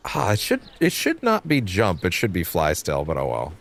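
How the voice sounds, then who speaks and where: Low-voiced casual male game streamer. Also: huge pitch swings, moderate pace, gravelly. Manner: informal, sweary, thinking aloud. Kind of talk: casual live gameplay commentary. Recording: game music behind voice. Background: game music.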